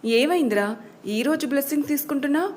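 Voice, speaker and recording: A kind middle-aged father from an audio story, voiced by a female narrator. He soothes and indulges his only daughter. The voice stays fairly high. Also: animated, fast, darkish tone, a little hiss or hum. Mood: loving.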